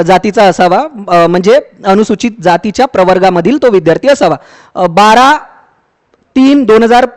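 An education YouTuber with a high-pitched male voice walks students through a form for a scheme. He talks conversationally, keeps repeating "ठीक आहे," and often uses fillers and restarts his sentences.

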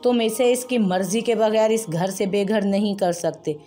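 A woman's voice: medium pitch, moderate pace, mellow, soft background music, close to an everyday voice. A woman voicing a firm middle-aged mother-in-law in a storybook reading, reasoning with authority.

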